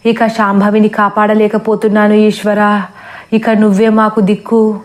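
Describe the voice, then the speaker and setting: Woman reading as a devout male ascetic, earnest, chanting prayers, flat steady tone. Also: mid-range voice, a little slow, lightly acted.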